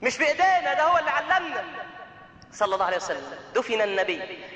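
A man with an Egyptian Arabic accent preaching an emotional sermon, telling a story with dramatic swings in pitch and loudness. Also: sing-song, fast talker. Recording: echoey hall with long reverb.

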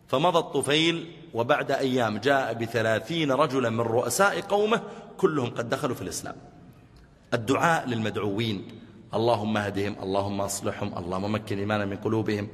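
A man delivers a sermon at a quick clip, his mid-pitched voice carrying a long reverb tail from a large hall. He tells stories animatedly, lifting his voice for emphasis and softening it for prayers. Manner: animated storyteller, voice rising for emphasis and falling for prayer. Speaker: preacher. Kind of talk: sermon with storytelling and closing prayers.

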